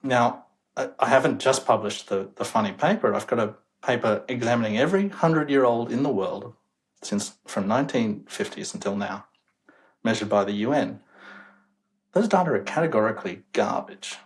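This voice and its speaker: A young man with a medium-pitched voice talks animatedly at a moderate pace as a demographer guest in a casual interview. He makes his points emphatically, sounding incredulous about the data and chuckling now and then.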